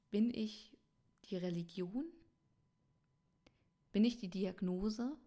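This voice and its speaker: A woman coaching her listeners in a calm, measured reflective talk, addressing them directly. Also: mid-range voice. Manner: slow, thoughtful pauses.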